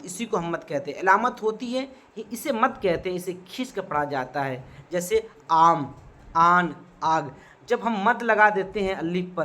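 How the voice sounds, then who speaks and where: A man teaches an exam-prep grammar lesson in a patient, explanatory way. He repeats key points and often asks a question only to answer it a beat later, like a tutor checking that the class is following. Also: high-pitched. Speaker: Urdu teacher.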